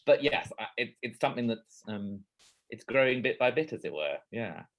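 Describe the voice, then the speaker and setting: A man's voice: mid-range voice, animated, normal speed, fairly bright tone, rough recording. Hesitant man hosting a Q&A. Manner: hesitant, lots of ums and trailing off. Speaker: director and Q&A host. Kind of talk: casual panel chat.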